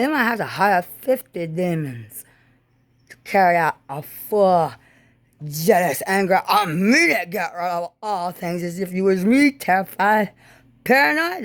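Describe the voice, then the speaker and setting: A woman giving a rambling spoken monologue in disjointed, halting, drifting phrases. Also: mid-range voice, no room sound.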